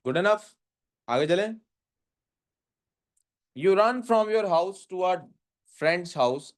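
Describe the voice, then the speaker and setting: A man leads a physics lesson in a classroom, and his voice sits a little high for a man. He reads each question slowly in English, then explains it in Urdu. He keeps checking in with his students, asking them for the answers. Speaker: physics teacher. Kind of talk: classroom lecture.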